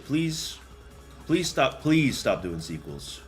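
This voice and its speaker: Soft background music plays as this young game streamer chats with viewers, offering rambling, joking, slangy commentary on his gameplay. His mid-range voice is very animated but slow.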